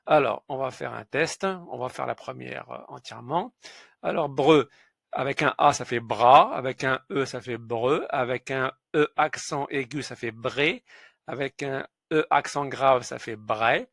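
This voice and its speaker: A man teaching French pronunciation in a slow instructional lesson, patiently spelling out sounds letter by letter. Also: medium pitch, vocal fry, a bit bright, no room sound, studio quality.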